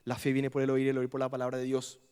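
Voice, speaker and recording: A man with an Argentine accent preaching a camp sermon, swinging between loud dramatic outbursts and hushed, quiet pleading. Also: mid-range voice, completely flat delivery, fast talker, smooth. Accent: Argentine Spanish. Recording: long hall reverb.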